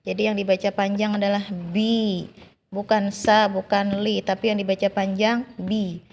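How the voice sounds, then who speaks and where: A woman's voice: mid-range voice, flat delivery, moderate pace, a little mellow, highs cut off, slight background noise. An Indonesian woman teaching a lesson on Quranic long vowels, patiently repeating each example and drawing out the long sounds.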